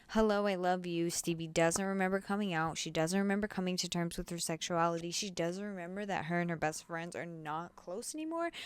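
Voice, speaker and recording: A woman reviewing books in a casual vlog, talking in an animated, slangy way that swings up high and drops back low. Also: clear, resonant tone. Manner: animated and slangy, with big swings in pitch and loudness. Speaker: book reviewer.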